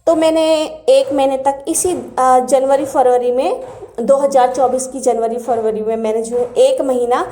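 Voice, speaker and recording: Woman, high mellow voice, earnest devotional storyteller, echoey room. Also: unhurried. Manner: earnest and animated, acts out quoted words. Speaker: devotee sharing spiritual experiences. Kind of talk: personal storytelling.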